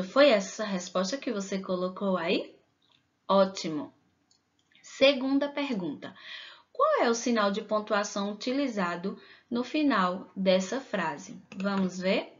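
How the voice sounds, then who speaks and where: A Brazilian woman teaching a video lesson to young children, slow and encouraging. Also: medium pitch, animated, muffled recording. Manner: warm, encouraging, slow and drawn-out teacher talk. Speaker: primary school teacher.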